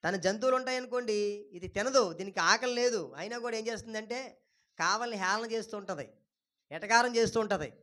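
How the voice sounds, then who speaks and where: High-voiced pastor preaching with swinging force. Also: male voice, fairly quick. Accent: Telugu. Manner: swings between loud exclamation and soft low asides. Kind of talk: sermon.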